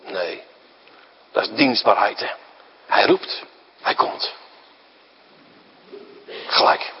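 A male preacher giving a sermon to his congregation, asking rhetorical questions and acting out the story, swinging between loud emphasis and quiet asides. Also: fairly low pitch, drawn-out words, highs cut off, a little hiss or hum.

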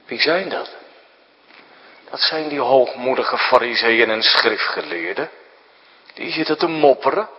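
A man preaching a sermon, explaining things to children, jumping high for emphasis and sinking to a hushed whisper. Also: animated, unhurried, pauses often, big-room sound, highs cut off. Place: church.

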